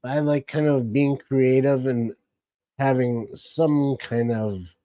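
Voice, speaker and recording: A man's voice: mid-range voice, steady tone, slow pace, warm tone, no room sound. A man casually hosting a live stream, rambling along and greeting chat viewers by name. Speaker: livestream host.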